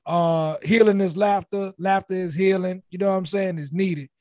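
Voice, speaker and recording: A man's voice: high-pitched, steady tone, moderate pace, warm tone, no room sound, studio quality. A man in casual group chat, telling stories animatedly and laughing often.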